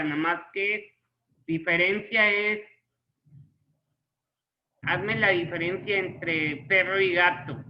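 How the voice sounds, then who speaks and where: A man teaching a class, patiently walking students through examples and checking they follow. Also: high-pitched. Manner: patient, slow explaining with rhetorical checks. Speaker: Spanish teacher. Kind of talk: online class explanation. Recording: echoey room, dull lo-fi sound.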